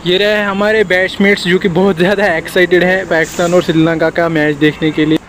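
A young male vlogger narrates a casual walking tour outdoors, pointing things out around a metro station and stadium while filming on a handheld phone. His voice is high, his tone level, and his pace a little fast. Loud street and crowd noise fills the recording.

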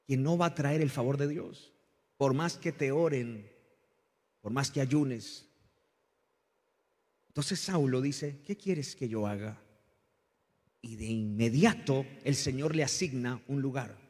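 A male pastor preaches with fervor, his voice climbing and falling as he calls the congregation to repeat after him. His slightly husky voice rings through a church hall with a long reverb. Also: slow, pauses often, a little mellow. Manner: impassioned preaching, rising and falling in pitch and volume. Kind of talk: sermon.

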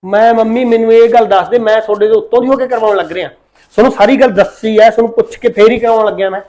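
This man's high, slightly mellow voice keeps a fairly even intonation and is only lightly acted. He plays a young police officer in a short film, arguing insistently with his mother about his marriage in quick, pleading speech, as part of an amateur village family drama.

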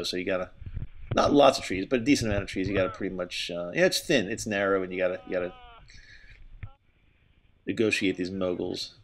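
A man's voice: deep voice, slight background noise. Winded man narrating his ski run. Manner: breathy, stop-and-start commentary with restarts. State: winded from exertion. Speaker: skier filming with a helmet camera. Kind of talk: casual narration while skiing. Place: outdoors on a steep ski slope. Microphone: helmet-mounted camera.

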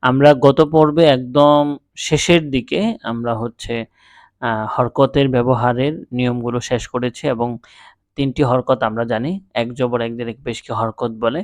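A man teaching how to read the Quran, speaking patiently and spelling out each letter slowly, then repeating it. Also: medium pitch, fairly even intonation, no room sound. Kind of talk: step-by-step recitation lesson.

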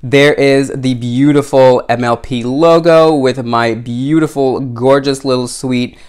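A man's voice: medium pitch, steady tone, unhurried, darkish tone, clean tone. A man reviewing a collector doll in an unboxing vlog. He gushes, gasps and squeals, and chats directly to his viewers and to the doll's designer. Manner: gushing, exclamatory, frequent gasps and squeals.

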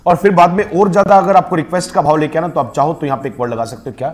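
A man with an Indian accent leads a spoken English class in a classroom. His voice sits slightly high, and he keeps prompting the students to repeat each word after him. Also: steady tone, very fast, slight background noise. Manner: drills the class, prompting them to repeat words. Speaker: English teacher.

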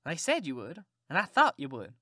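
A woman's voice: deep voice, huge pitch swings, normal speed, pushed and bright, no room sound, studio quality, heavily acted. A woman voicing Tom Sawyer, a cheeky Southern boy who talks in a polite, mock-innocent drawl.

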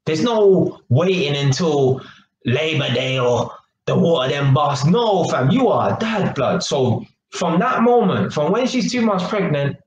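A vlogger in his 20s talks casually to a webcam held at arm's length in a small, echoey kitchen with faint background noise. His voice is fairly high and his pace measured, and the lo-fi monologue is full of slang, gesturing and constant check-ins of "yeah?"

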